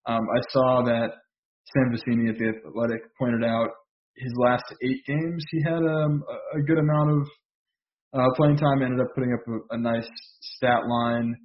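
A man co-hosting a podcast, talking basketball casually with lots of pauses and restarts. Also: mid-range voice, level tone, muffled recording. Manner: hesitant, many fillers and restarts. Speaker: podcast co-host.

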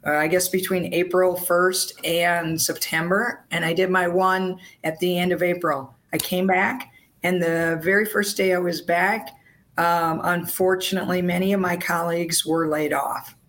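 A woman sports reporter, hoarse with laryngitis, talking casually and earnestly on a podcast in a halting way. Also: lowish voice, flat delivery, a bit bright.

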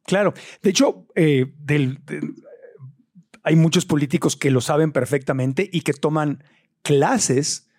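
A Mexican man hosting a podcast, chatting with a guest and adding quick asides. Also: on the high side, a little mellow, breathy edge, no echo, clean studio sound. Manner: quick asides, reads the ad plainly. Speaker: podcast host. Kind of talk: podcast conversation.

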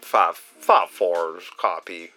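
A man playing a male trucker on a CB radio, speaking through a studio voice effect in slow call-sign talk. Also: low voice, bright, forceful tone, soft background music, exaggerated voice. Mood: drawling. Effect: voice effect from the studio mixer. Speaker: podcast engineer and co-host.

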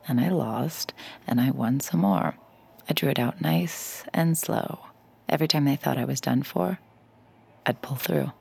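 In an audio drama, an actress voices a sly, cocky young poker hustler who narrates her con in first person and speaks dialogue, wry, confiding, and self-assured. It's a full character voice: very deep, creaky, slightly rough, and a little mellow.

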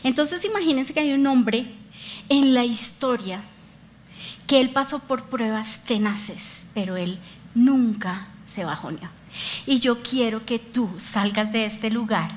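A woman's voice: fairly high pitch, a little hiss or hum. A woman pastor preaching a sermon, telling stories animatedly and talking straight to her congregation. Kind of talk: lively sermon with acted-out dialogue. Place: church.

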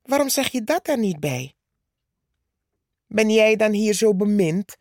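A woman's voice: mid-range voice, big pitch swings, a little slow, darkish tone, dry recording, studio quality. Woman reading as a boastful, scornful tree. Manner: condescending, scornful. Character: boastful haughty male purpleheart tree.

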